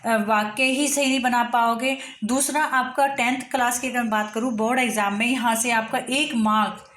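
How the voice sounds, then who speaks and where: Female teacher, slightly high voice, patient step-by-step grammar explainer, roomy echo. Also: steady tone, normal speed, fairly bright tone. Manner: explains step by step with spoken examples. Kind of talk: grammar lesson for students.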